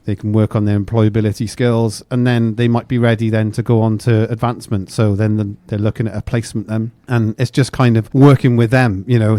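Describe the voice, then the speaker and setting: A man's voice: mid-range voice, mellow, no echo. A man explaining things conversationally as a guest in a casual interview. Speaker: guest, youth training provider staff.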